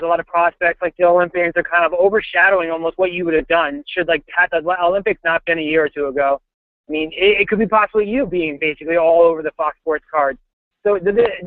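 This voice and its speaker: A man's voice: sits high, no echo. A man hosting a casual sports interview, asking long, rambling questions over a thin phone line. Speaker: interviewer on a boxing show.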